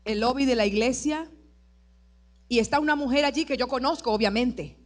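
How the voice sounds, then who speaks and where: A woman pastor preaching her testimony at a church service, passionate, moving between loud declarations and soft, tearful recollection. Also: high voice, normal speed. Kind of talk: sermon testimony.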